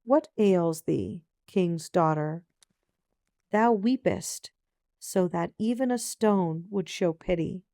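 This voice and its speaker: A woman voicing a bargaining, pleading male frog in a fairy tale read aloud, with deliberate, archaic speech. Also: fairly low pitch, mellow, no echo, studio quality. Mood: concerned, bargaining.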